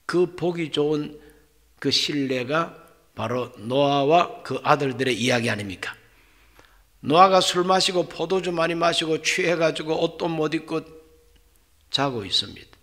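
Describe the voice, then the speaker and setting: Bright-voiced Korean pastor preaching. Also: male voice, on the high side, measured pace. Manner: emphatic preaching, swings from loud questions to near-whispers. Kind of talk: sermon.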